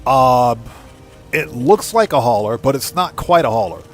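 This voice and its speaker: A live streamer and channel host gives casual game commentary, speaking informally to his viewers and repeating phrases for emphasis. His medium-pitched voice is animated and a little slow, with music in the background.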